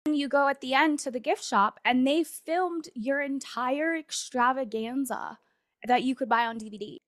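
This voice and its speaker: A woman's voice: high voice, normal speed, a bit bright. Rambling woman podcast co-host. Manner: rambling, filler-heavy storytelling. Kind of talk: casual chat.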